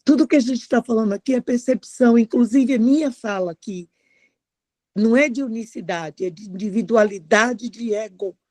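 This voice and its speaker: A woman with a sleepy voice, speaking in a reflective, halting way in a spiritual group discussion. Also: fairly high pitch. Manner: reflective, halting, soft-spoken.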